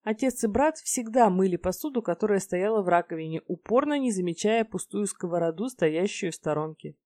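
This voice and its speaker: A woman narrating a first-person fantasy romance audiobook in a wry, lively storytelling manner. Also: medium pitch, brisk, no echo.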